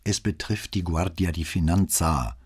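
A man's voice: low-pitched, moderate pace, darkish tone, breathy edge. A man reading an audiobook and voicing a middle-aged police commissioner who speaks curtly and insistently. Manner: curt, insistent. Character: middle-aged male police commissioner, brusque then pleading.

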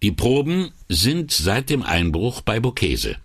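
A man's voice: lowish voice, big pitch swings, takes it slowly, slightly rough, no echo, voice pushed up, exaggerated voice. A man voicing a wry veteran police inspector who makes dry, sardonic remarks. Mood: matter-of-fact.

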